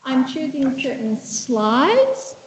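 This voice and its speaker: A woman's voice: high-pitched, sing-song, takes it slowly, a little hiss or hum. A woman psychiatrist from Vietnam giving a conference talk, conversational and thoughtful, with many fillers and restarts. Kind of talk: conference presentation. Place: lecture room. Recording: echoey hall, dull lo-fi sound.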